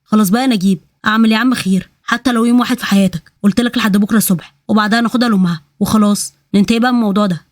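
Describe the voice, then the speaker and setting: A thief with a soft heart argues his case firmly in Egyptian Arabic, as a woman puts him on. He speaks quickly and with determination. The recording is dry and close. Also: mid-range voice, fairly even intonation, no echo, natural voice. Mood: gentle. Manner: insistent, gentle. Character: soft-hearted male thief, stubborn and kind.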